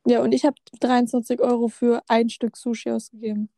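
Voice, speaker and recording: A woman's voice: a little high, flat delivery, a little fast, creaky, mellow, no echo, clean studio sound. A teenage girl chatting casually and telling a story, correcting her friend's version of events. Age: teens.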